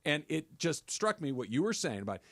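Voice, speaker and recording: A male sports radio co-host with a fairly high voice in a very dry studio. He talks casually and explains his points with emphasis, repeating words as he goes. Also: big pitch swings, brisk, a bit bright, dry recording.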